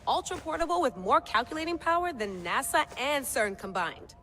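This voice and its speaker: A very animated, high-pitched, sharp and heavily acted performance at a moderate pace brings to life an intense, sardonic woman researcher and cell leader who keeps chasing an artifact despite warnings. It's a game cutscene, with long room reverb and faint noise.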